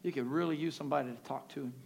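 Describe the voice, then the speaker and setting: A man preaching a sermon in a booming, exhortatory motivational manner, insistently repeating phrases and calling on listeners to respond. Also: racing, creaky, a little mellow. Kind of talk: sermon with altar call and prayer. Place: live service before a congregation. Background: music playing.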